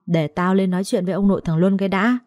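Woman voicing an older strict matriarch, curt and flat, dry sound. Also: medium pitch, fast, no echo, highs cut off, natural voice. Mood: softened.

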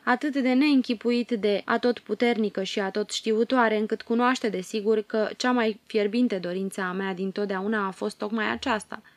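A woman's voice: medium pitch, no room sound, lightly acted. A woman voicing a young girl who pleads humbly and tremulously before a fairy queen in a storybook reading.

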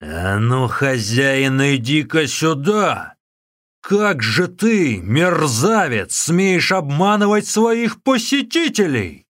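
A huge, hot-tempered warrior monk roars his lines slowly and with fury, played by a man reading the tale. The voice strains upward, loud and lively in pitch. Storybook reading, dry close sound. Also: no room sound, full character voice. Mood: furious bellowing. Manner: shouting furiously, drawn-out words.

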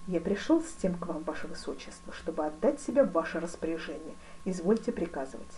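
A woman voicing a composed, polite fencing master in an audiobook, speaking quietly and with deference. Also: on the low side, animated, quick pace, natural voice, low-quality recording. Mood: calm. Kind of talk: audiobook character reading.

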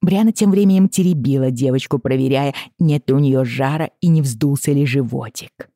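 A woman narrating a novel aloud in an expressive, dramatic reading. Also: very deep voice, moderate pace, no echo, studio quality. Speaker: audiobook narrator. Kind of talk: scripted narration.

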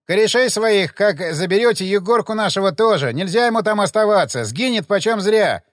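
A man's voice: sits high, lively intonation, fairly quick, no room sound, studio quality, voice pushed up. A man voicing a blunt, wary male villager who speaks in a folksy, urgent way.

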